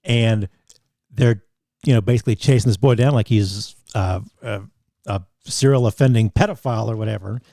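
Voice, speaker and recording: Mellow-voiced man rambling on a podcast. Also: on the low side, normal speed, creaky, no echo, studio quality. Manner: rambling, many restarts and fillers. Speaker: podcast co-host. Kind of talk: casual chat.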